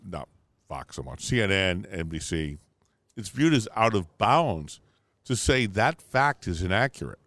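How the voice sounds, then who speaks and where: A man's voice: lowish voice, fairly bright tone, no echo. A man co-hosting a casual talk podcast, speaking emphatically and swearing casually. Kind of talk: casual political and media chat.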